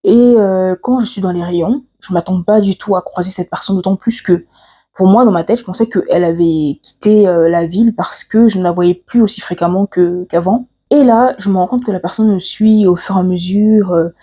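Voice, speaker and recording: Husky-voiced woman telling a personal story. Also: mid-range voice, moderate pace, warm tone. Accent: African French. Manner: hesitant, frequent "euh" fillers and restarts; earnest, confiding. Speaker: vlogger.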